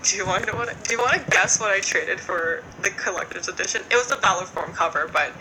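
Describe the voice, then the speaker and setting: Young woman, sharp bright voice, chatty rambling podcast storyteller, faint background noise. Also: mid-range voice, quick pace, poor audio. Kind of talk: casual chat.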